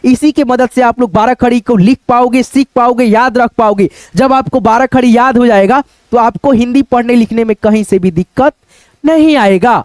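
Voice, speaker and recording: A man's voice: very high-pitched, moderate pace, darkish tone, no echo. A man teaching the script in a repetitive, patient way, often asking his viewers check questions. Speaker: online Hindi teacher. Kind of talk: teaching at a board, explaining step by step.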